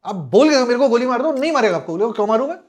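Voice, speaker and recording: A middle-aged former air force officer, a podcast guest, tells an animated story, mixing Hindi and English and acting out the people in it with frequent chuckles. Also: male voice, very high-pitched, fast.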